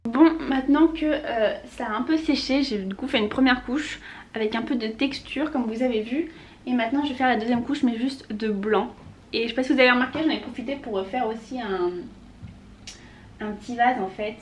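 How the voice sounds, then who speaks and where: A woman with a high voice chats through a home craft project for her vlog. She talks in a relaxed, easygoing way, stopping often to find her words. It sounds like a small camera mic at home. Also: brisk, a little hiss or hum. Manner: chatty, relaxed, full of small hesitations. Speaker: lifestyle vlogger. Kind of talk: casual DIY vlog chat. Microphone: compact camera mic.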